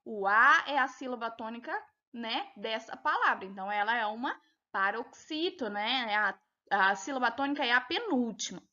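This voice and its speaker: High-voiced Brazilian teacher going over a test. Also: female voice, animated, normal speed, sharp tone, dull audio. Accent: Brazilian Portuguese. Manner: patient, explains step by step, asks checking questions. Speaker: primary school teacher.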